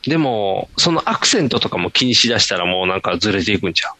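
A man with a Kansai accent co-hosting a casual podcast chat, easygoing and quick to laugh, with lots of nods and agreeing replies. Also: fairly low pitch, big pitch swings, pushed and bright, no room sound. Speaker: podcast co-host.

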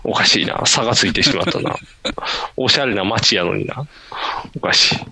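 A man with a Kansai accent co-hosting a casual podcast chat, easygoing and quick to laugh, with lots of nods and agreeing replies. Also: on the low side, animated, bright, forceful tone, slight background noise. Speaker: podcast co-host.

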